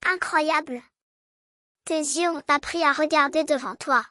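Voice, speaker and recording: A soft, high and unhurried magical bicycle played by a woman from a children's storybook. It is tender and reassuring, encouraging a small child as if reading to a toddler, and sounds close and dry. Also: no echo.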